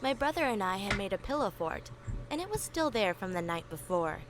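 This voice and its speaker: A woman's voice: mid-range voice, very animated, fairly quick, background noise. Earnest woman narrating a horror story. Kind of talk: scripted first-person horror narration. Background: music.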